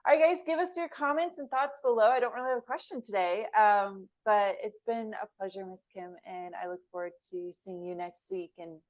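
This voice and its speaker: A woman's voice: mid-range voice, fairly quick, few pauses. Woman, podcast host, casual chat, affirming, easygoing.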